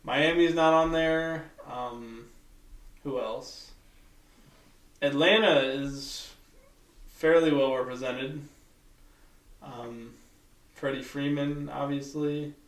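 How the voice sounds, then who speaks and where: A man's voice: mid-range voice, steady tone, slow, long pauses. A man co-hosting a casual sports podcast, talking in a laid-back, hesitant way. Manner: laid-back, hesitant, drifts into joking cartoon voices. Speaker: podcast co-host. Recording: echoey room, distant from mic.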